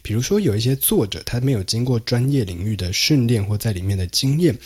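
A man's voice: mid-range voice, animated, brisk, a little mellow, husky. A man hosting a solo podcast, explaining and summarizing research in a conversational way, with frequent fillers and some English terms mixed in. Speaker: podcast host.

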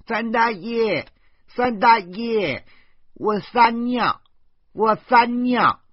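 A man voicing a whiny five-year-old boy in a high, wheedling child's voice, in a dull lo-fi recording. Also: extremely slow, no room sound, heavily acted. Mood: urgent.

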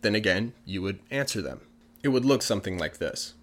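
A native English-speaking man teaches a casual language lesson, patiently and plainly explaining points with plenty of examples. His voice is lowish and fairly bright, and he talks animatedly at a slightly fast clip.

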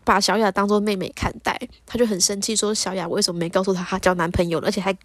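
A woman's voice: mid-range voice, quick pace, no echo. A woman hosting a podcast, casually telling a dream story and acting out the dialogue. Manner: animated, acts out the dialogue. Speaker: podcast host.

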